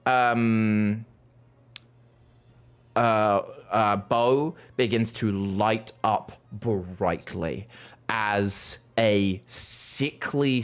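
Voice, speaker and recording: Very deep-voiced woman game master, slow delivery. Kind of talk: narrating a tabletop role-playing game.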